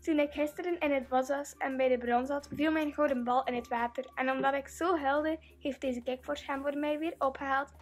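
A woman's voice: sits high, steady tone, moderate pace, hardly any pauses, lightly acted. Woman doing a scornful young princess. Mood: complaining. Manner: loud, indignant exclaiming.

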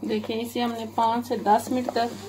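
Flat-voiced woman walking through a recipe. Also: a little high, background noise. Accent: Pakistani Urdu. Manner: steady, even, unhurried instructions. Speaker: cooking channel host. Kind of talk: step-by-step recipe narration. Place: home kitchen. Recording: home kitchen recording with audible frying sizzle.

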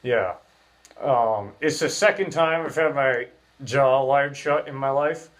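A man's voice: medium pitch, slow. A man in his thirties hosting a casual podcast, speaking through clenched teeth with his jaw wired shut, rambling and slangy. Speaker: podcast host. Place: small bare room, indoors.

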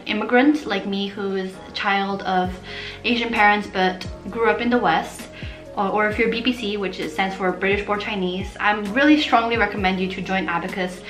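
A young adult woman from Portugal vlogs to camera in a casual, animated and chatty way, gesturing with her hands. Her voice is mid-range and the sound is roomy.

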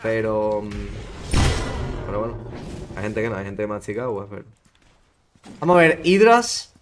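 A man's voice: on the low side, big pitch swings, normal speed. A young man with a Spain Spanish accent doing casual gameplay commentary on a live stream, swearing a lot and teasing other players. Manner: swears often, teases other players, laughs at their mistakes. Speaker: gaming streamer. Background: background game music.

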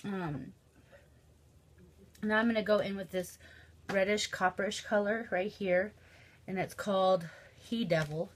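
A young beauty vlogger with a Midwestern American accent chats through a makeup tutorial, her nose stuffy and sniffly. Her mid-range voice is unhurried and she pauses often, leaning heavily on "um" and "like."

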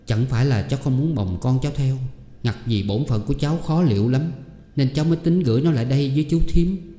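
A man's voice: mid-range voice, fast, dark tone, close to an everyday voice. A man voicing a humble young mother who pleads politely with her elders. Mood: pleading. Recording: echoey room with long reverb.

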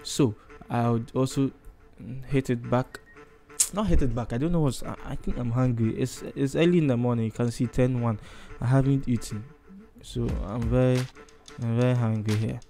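A Ghanaian man with a Ghanaian accent hosts a casual screen-recorded software tutorial, chatting and rambling as he thinks aloud while working. His voice is mellow and medium-pitched at a moderate pace, with music playing in the background.

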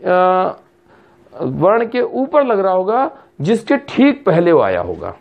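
A woman's voice: medium pitch, wildly swooping pitch, slow, gravelly, lo-fi sound. A woman teaching a spelling lesson, patiently repeating words and checking that her students follow.

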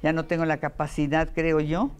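An older woman with a Mexican Spanish accent, a veteran voice actress chatting in an interview, telling lively stories and mimicking voices. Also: deep voice, normal speed, clean tone, dull audio. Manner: lively storytelling with playful voice imitations. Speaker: voice actress and dubbing director. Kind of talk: casual interview chat.

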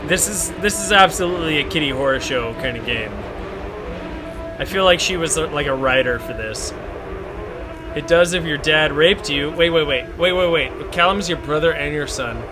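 A man's voice: a little high, normal speed, over music. A young man, drunk, swearing freely as he plays a horror game live and reads its notes aloud in a mock-official tone. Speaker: streamer playing a horror game. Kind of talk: drunk live-stream commentary.

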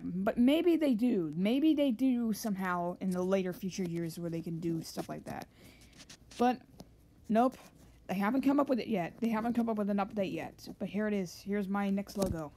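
Rambling, excited young woman vlogger. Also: mid-range voice, moderate pace, slight background noise. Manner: rambling and excited, with frequent restarts. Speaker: channel owner showing thumbnails. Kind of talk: casual screen-share narration.

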